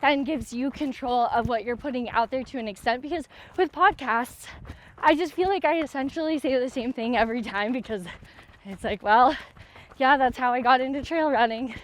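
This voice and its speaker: A woman's voice: sits high, normal speed. A woman talking casually while running outdoors, in an informal, hesitant way full of fillers. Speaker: athlete and vlog host. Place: outdoors, on a run.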